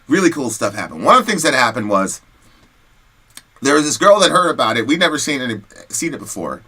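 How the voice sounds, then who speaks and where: A man with a medium-pitched voice hosts a show, talking briskly and animatedly. He offers casual, slangy commentary and shares personal stories in a conversational style.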